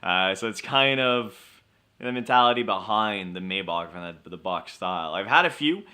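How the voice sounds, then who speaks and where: Low, bright-voiced young man chatting. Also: animated, moderate pace. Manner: explanatory, storytelling with wry humor. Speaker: co-host of a beer show. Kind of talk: casual chat.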